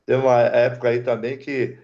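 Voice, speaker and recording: Through a muffled recording comes the medium-pitched voice of an older man from Brazil, speaking at a moderate pace. A guest and aircraft mechanic, he shares stories casually. He performs the dialogue with animation.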